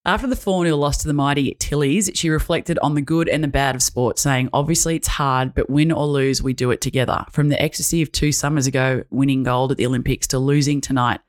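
A woman's voice: a bass voice, fairly even intonation, brisk, few pauses. A woman co-hosting a women's sports podcast, chatty and enthusiastic, often restarting her sentences. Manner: chatty, enthusiastic, self-interrupting. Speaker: podcast co-host. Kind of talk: casual sports podcast chat.

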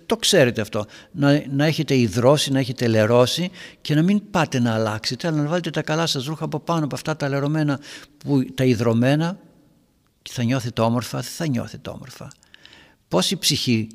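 A man, a priest, giving an earnest homily to young parents, asking and answering his own questions. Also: medium pitch. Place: church. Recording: reverberant church hall.

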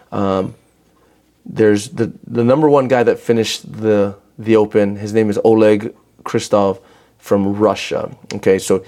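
A man's voice: lowish voice, warm tone. A man hosting a casual podcast, talking in a rambling way with many restarts and fillers. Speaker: podcast host and gym owner.

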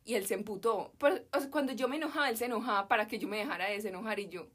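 A woman's voice: a little high, rapid-fire, a bit bright, slightly rough. A young woman from Colombia with a Medellín accent, chatting as a podcast guest and telling an emotional story full of slang. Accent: Medellín Colombian Spanish. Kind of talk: casual chat.

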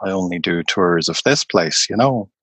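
Slow-telling man, low voice. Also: animated, a bit bright, no room sound. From Ireland. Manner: slow, unhurried anecdotal telling. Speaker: tour guide and storyteller guest. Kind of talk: conversational storytelling interview.

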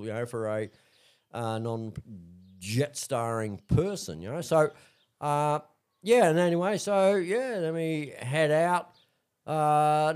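A man's voice: on the high side, a little mellow, clean tone. A man with an Australian accent, a guest telling stories in a casual, rambling chat full of fillers and restarts. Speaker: interview guest. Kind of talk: casual storytelling.

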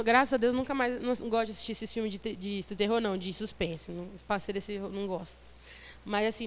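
A young woman preaching at a youth service, telling a personal testimony in an animated storytelling way. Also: a little high, in a large hall. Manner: animated storytelling, quick asides and laughs.

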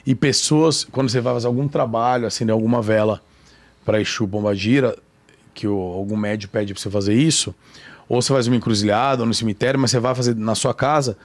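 A man hosting a casual podcast chat, explaining things at length in a relaxed way. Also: mid-range voice, fast. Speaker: podcast host.

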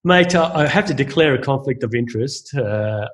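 A man with a mid-range voice and lively intonation hosts a podcast at a moderate pace. In this casual chat, he introduces a guest loosely and hesitantly, with many fillers and restarts.

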